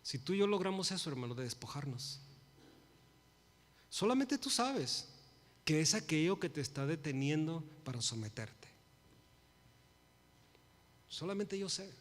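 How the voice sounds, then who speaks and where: A man in his forties preaching a sermon, swinging from loud emphasis to hushed pleas and dropping English phrases into his Spanish. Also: a little high, big pitch swings, a little slow, pauses often, long reverb tail. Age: 40s. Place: church sanctuary.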